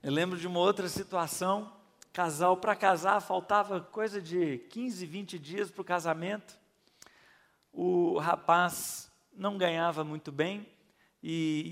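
A middle-aged male pastor preaches in a folksy, storytelling way, asking the listeners questions and acting out voices. His fairly high voice has a gravelly edge. The sound carries the long reverb of a church hall. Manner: conversational, folksy, asks the audience questions, acts out voices. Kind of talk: sermon with storytelling.

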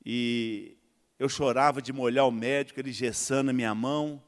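A man with a Brazilian Portuguese accent giving a church testimony, telling his story in a lively way and acting out the dialogue. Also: medium pitch, normal speed. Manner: animated storytelling, acts out dialogue. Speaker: testimony speaker. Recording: echoey hall reverb.

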